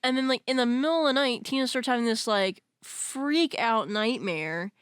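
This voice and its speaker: A woman's voice: fairly high pitch, moderate pace, a bit bright, smooth, dry recording, studio quality. A young woman co-hosting a casual film chat, rambling and swearing as she retells the plot, with lots of "like.". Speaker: co-host.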